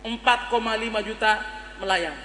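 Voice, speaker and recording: A man's voice: high voice, moderate pace, a little hiss or hum. A man preaching a humorous storytelling sermon at a large gathering, joking with the audience. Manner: lively storyteller, jokes with the audience. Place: large hall at a reunion gathering. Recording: echoey hall.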